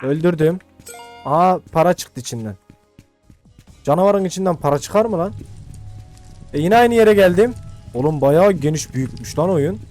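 A young man casually commenting as he plays a video game for his channel, chatty and slangy, thinking out loud as he goes. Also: a little high, animated, moderate pace, long pauses, soft background music. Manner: chatty, slangy, thinks aloud while playing. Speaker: gaming YouTuber. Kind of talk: casual let's-play commentary.

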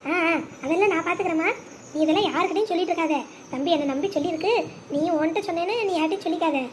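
In animated cartoon storytelling, a woman voices an anxious, middle-aged village husband, pitching him unusually high and brisk. The character is cautious and secretive, keeping his voice low and worried, and the mood is hushed, with a faint hiss under the voice.

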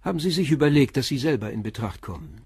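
An actor in a German crime radio play, his male voice mid-range and husky, plays a calm, persistent middle-aged police commissioner whose questioning is measured and blunt. Here he sounds insistent and confronting, recorded clean in a studio with no room sound.

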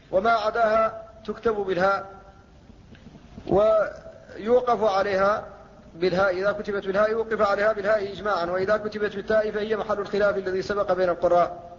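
High, even-toned male lecturer in reverb. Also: fast talker, a little hiss or hum. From Mauritania. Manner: steady scholarly explanation, quoting verses. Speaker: Quran recitation teacher. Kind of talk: classical Arabic lecture on tajweed. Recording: dull lo-fi lecture recording with long reverb.

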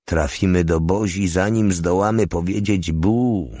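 A man reading the part of a battle-hardened foreign legionnaire who talks in a low, grim whisper. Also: a little slow, dark tone, dry recording, studio quality.

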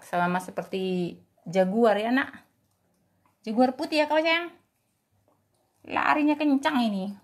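A woman vlogging as she feeds her dogs, talking to them in a singsong, affectionate way, cooing and scolding in turns. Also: mid-range voice. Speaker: dog owner feeding her dogs. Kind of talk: casual vlog talk to pets.

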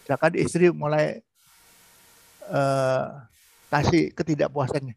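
A man teaches a sermon-style lesson on married life in a fairly high, gravelly voice. He sometimes slips into raised voices to act out spouses bickering. The sound is dry and close. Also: fairly even intonation, measured pace, a little mellow, dry recording.

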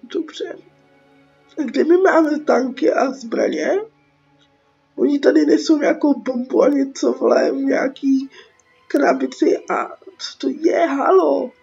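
She sits high in pitch, creaky and darkish, leaving long pauses. The young gaming video host has a Czech accent and a cold, and comments casually on the game with sarcastic, slang-filled rambling, her voice a dull lo-fi track over game music.

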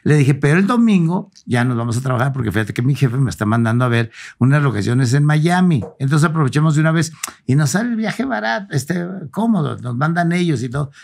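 Gravelly man telling stories. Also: a little high, brisk. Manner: animated anecdote-teller acting out both sides of dialogue. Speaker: podcast guest. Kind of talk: casual storytelling.

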